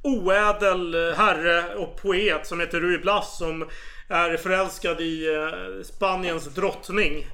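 A man with a high, bright voice co-hosts a casual podcast. He talks in a hesitant way and keeps restarting his sentences with fillers. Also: fairly even intonation. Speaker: podcast co-host.

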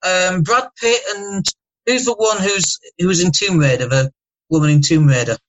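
A man's voice: high-pitched, dull audio. Northern English man with a slight lisp. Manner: emphatic, motivational, rapid asides. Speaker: podcast guest. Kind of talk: casual podcast chat.

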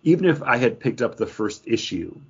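A husky, medium-pitched man talks a little fast and very animatedly, co-hosting a podcast in a casual chat that doubles as a book review. He rambles through his opinions and acts out imagined quotes. The podcast audio is dull and lo-fi.

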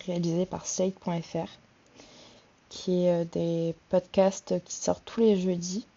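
A woman's voice: lowish voice, dark tone, highs cut off. A woman in her twenties from France hosting a solo podcast, talking casually with frequent hesitations and restarts. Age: 20s. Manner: hesitant, many fillers and restarts. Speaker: podcast host.

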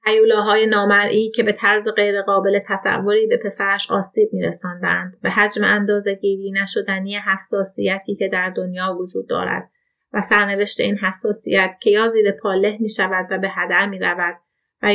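Host, female storyteller, calm even reading of a literary short story. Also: medium pitch.

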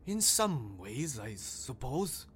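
A man's voice: mid-range voice, sing-song, takes it slowly, a bit bright, slight background noise. Brave, loyal lion, thoughtful and hesitant, played by a man in his own voice. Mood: reflective.

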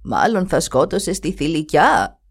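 A woman voicing a proud old grandmother who is a rainbow spirit, speaking slowly and grimly in a storybook reading. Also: low-pitched, big pitch swings, breathy edge, full character voice. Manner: slow, grim, boastful.

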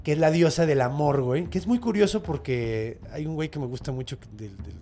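Podcast host, Mexican accent, high-pitched man, animated slangy storyteller. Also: brisk, slight background noise. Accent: Mexican Spanish. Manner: slangy, animated, retelling a myth. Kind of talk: casual storytelling chat.

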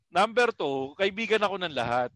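Lively high-voiced man teasing his co-hosts. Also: normal speed, dry recording. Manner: teasing, animated, laughs often. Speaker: podcast co-host. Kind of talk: casual banter.

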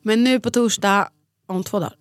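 A tired young woman from Sweden, co-hosting a podcast in casual, expressive chat. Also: mid-range voice, clear, resonant tone, no room sound. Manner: chatty, expressive, venting. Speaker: podcast co-host.

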